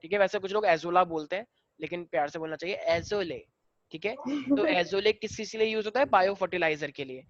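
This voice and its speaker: A man's voice: high-pitched, fast talker, dry recording. Man, biology teacher, chatty lecture, quizzes students, dry, muffled sound. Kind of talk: classroom lecture. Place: classroom.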